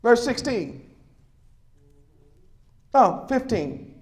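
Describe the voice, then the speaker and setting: High-voiced emphatic male preacher. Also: sing-song, very slow. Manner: emphatic, calls for talk-back from congregation. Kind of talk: sermon.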